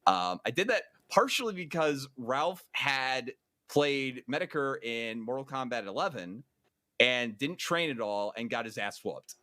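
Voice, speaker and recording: A streamer telling a story in a rambling, amused way during casual commentary chat. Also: male voice, medium pitch, lively intonation, measured pace, pushed and bright, no echo.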